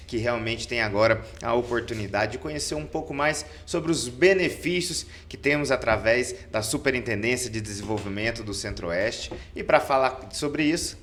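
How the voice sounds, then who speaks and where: A man's voice: mid-range voice, a bit bright. Upbeat male podcast host. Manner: upbeat announcer-like delivery, reads sponsor list. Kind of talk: podcast interview.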